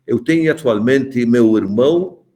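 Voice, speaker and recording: A man's voice: medium pitch, measured pace, dark tone. A man in his seventies from Malta, a bishop giving a joking, chatty catechesis talk to adults and calling on them by name. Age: 70s.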